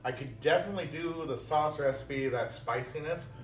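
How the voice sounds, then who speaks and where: A man's voice: fairly high pitch, moderate pace. Chatty young male cooking host, casual and self-mocking; roomy kitchen, distant mic, music under him. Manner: self-deprecating, chatty, talks while eating. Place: home kitchen.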